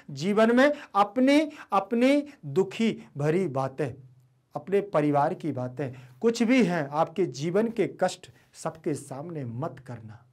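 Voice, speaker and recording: A man teaching an online lesson, explaining a Sanskrit text line by line, repeating each meaning and asking rhetorical questions. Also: on the high side. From India.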